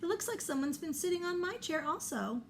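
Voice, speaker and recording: A woman voicing a gentle mother bear who speaks in a soothing, sing-song tone. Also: extremely high pitch, big pitch swings, brisk, slight background noise, voice pushed up, exaggerated voice. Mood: puzzled, soothing.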